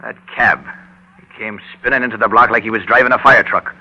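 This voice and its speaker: An actor playing a genial, chatty beat cop in a 1930s-style radio drama, with an Irish accent and a folksy way of talking. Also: male voice, lowish voice, steady tone, brisk, sharp tone, heavily acted. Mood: grumbling. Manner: folksy, talkative. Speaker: beat policeman. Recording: dull old radio recording.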